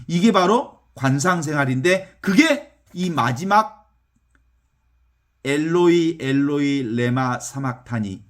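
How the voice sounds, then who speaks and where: Animated Korean priest preaching. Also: male voice, on the high side. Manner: animated, folksy, asks listeners "right or not?". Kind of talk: sermon with text reading.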